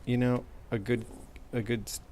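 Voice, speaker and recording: A man's voice: medium pitch, little pitch movement, normal speed, darkish tone, slight background noise. A man giving casual, self-deprecating gameplay commentary, thinking aloud as he streams. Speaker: game live streamer.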